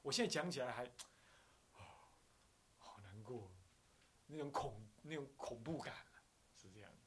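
A man's voice: medium pitch, expressive, normal speed. A man with a Taiwanese Mandarin accent, a Buddhist abbot lecturing who acts out little scenes and chuckles often.

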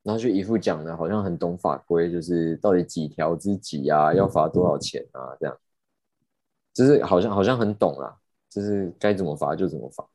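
Deep-voiced man telling a story. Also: fairly quick, no room sound. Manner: animated, indignant, swears casually. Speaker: podcast host. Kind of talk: casual storytelling.

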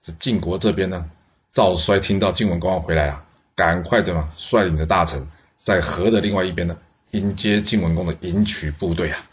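Deep-voiced man telling a story. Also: fairly quick. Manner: lively, exclaiming, with asides to listeners. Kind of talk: historical storytelling. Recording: dull lo-fi recording.

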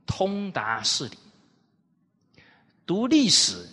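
A man lecturing on the classics, telling historical anecdotes in an animated way and putting rhetorical questions to his listeners. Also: high voice, extremely slow. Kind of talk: storytelling lecture. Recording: reverberant hall.

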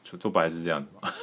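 A man's voice: sits low, pushed and bright. A male podcast host with a Taiwanese Mandarin accent, chatting casually and crudely, laughing often and stumbling into restarts.

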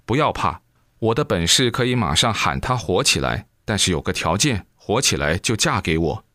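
A man's voice: deep voice, very animated, moderate pace, pushed and bright, no echo, clean studio sound, exaggerated voice. A man voicing a boastful, insistent bank manager. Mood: urgent.

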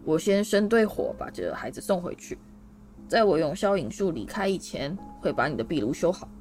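A woman's voice: on the low side, very animated, moderate pace, a little mellow, soft background music. A woman doing a flustered, kindly Mr Weasley. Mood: apologetic. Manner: apologetic, rambling explanations. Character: flustered, kindly middle-aged wizard father.

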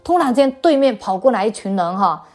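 Interview guest, woman from China, slightly high voice; halting, repetitive storyteller sharing her testimony. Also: big pitch swings, darkish tone. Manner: hesitant, repeats words, trailing 哈 tags. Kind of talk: personal faith testimony storytelling.

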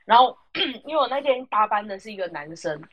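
Animated Taiwanese woman telling stories. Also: a little high, a little fast, highs cut off. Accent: Taiwanese Mandarin. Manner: animated, acts out the voices of customers and friends. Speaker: podcast host. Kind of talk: casual storytelling chat.

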